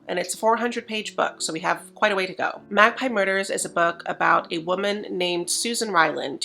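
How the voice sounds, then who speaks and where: A woman talking casually in a reading vlog, chatty and self-deprecating, often dropping to a low mutter. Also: gravelly, sharp tone. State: short of breath. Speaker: book vlogger.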